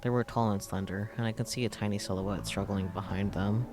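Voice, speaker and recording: A man's voice: lowish voice, fairly even intonation, fairly quick. A man reading a visual novel script aloud as narration, with his own asides, over game music. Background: game music and Japanese voice acting.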